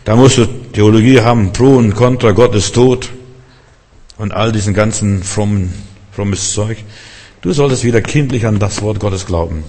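A man's voice: on the low side, normal speed, darkish tone. A man preaching a sermon fervently, asking the congregation direct questions. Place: church hall in Berlin. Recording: long hall reverb.

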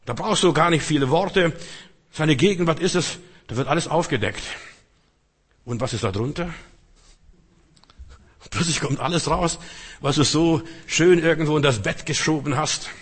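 A man's voice: a little high, moderate pace, pauses often, breathy edge. A man preaching a sermon in church, speaking straight to the congregation with rhetorical questions. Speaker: pastor.

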